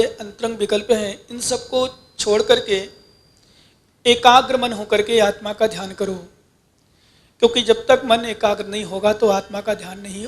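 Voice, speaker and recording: A man, a Jain monk, giving a devotional sermon, pleading prayerfully and questioning his listeners directly. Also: high voice. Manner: addresses listeners directly with instructions.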